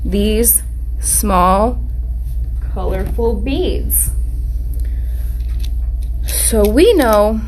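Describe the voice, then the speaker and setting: A woman's voice: fairly high pitch, a little mellow, rough recording. A woman teaching young children like a kids show host, encouraging, with simple phrases and sing-song check-in questions. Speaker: Montessori preschool teacher. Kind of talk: live children's lesson.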